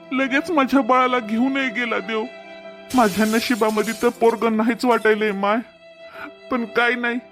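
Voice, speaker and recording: A woman's voice: fairly high pitch, fairly bright tone. A woman playing a grieving young mother. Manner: sorrowful, resigned. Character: grieving young mother who lost her baby. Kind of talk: Marathi village family drama acting. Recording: faint music underneath.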